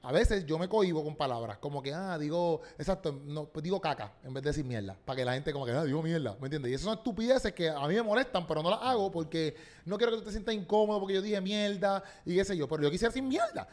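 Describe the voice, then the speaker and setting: Fast-talking Puerto Rican man, animated storyteller. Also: a little high. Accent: Puerto Rican Spanish. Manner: animated, slangy storytelling, acts out quotes. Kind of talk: casual podcast chat.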